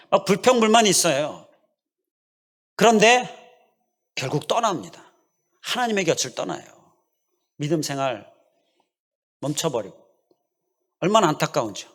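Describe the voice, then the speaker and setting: Lively, emphatic man preaching a sermon. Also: fairly high pitch. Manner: emphatic preaching with repeated phrases and rhetorical questions. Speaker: pastor. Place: church sanctuary.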